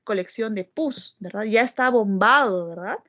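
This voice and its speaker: A woman's voice: mid-range voice, moderate pace, fairly bright tone. A woman doctor teaching a class, explaining step by step and checking in with frequent tag questions. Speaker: medical lecturer. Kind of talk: classroom lecture. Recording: dull lo-fi recording.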